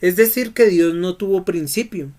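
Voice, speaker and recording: A man's voice: high-pitched, normal speed, a little mellow. A man teaching a Bible study lesson who keeps asking his students questions and prompting their answers.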